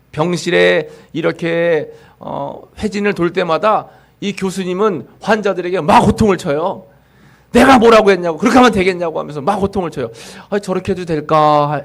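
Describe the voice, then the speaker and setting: A male pastor preaching a Sunday sermon in a church, earnest, with rising emphatic exhortations. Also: fairly high pitch. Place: church sanctuary.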